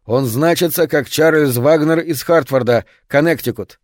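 A man voicing a calm, steady airline captain who speaks in a matter-of-fact way. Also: a little high, measured pace, no room sound, studio quality, lightly acted.

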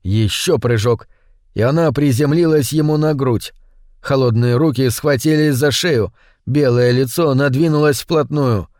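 A man narrating a scripted horror story in a measured, suspenseful way. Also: mid-range voice, a little mellow, no room sound, studio quality.

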